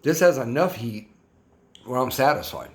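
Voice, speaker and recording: A man's voice: mid-range voice, animated, normal speed. A man casually reviewing a hot sauce for his vlog, rambling and slangy, repeating himself as he talks.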